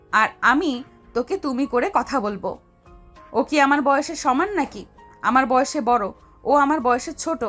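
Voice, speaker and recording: A high-voiced, domineering older sister, played by a woman in an audio love-story drama. She scolds and gives orders in a commanding way, with soft music underneath. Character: bossy older sister, domineering, quick to anger.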